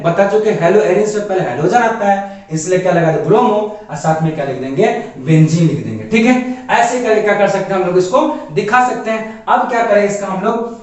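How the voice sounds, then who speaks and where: A man's voice: high-pitched, a little mellow. A man teaching a chemistry lesson at a board. He keeps asking the class questions and then answers them himself, and calls the students "babu". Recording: echoey room, voice from far off.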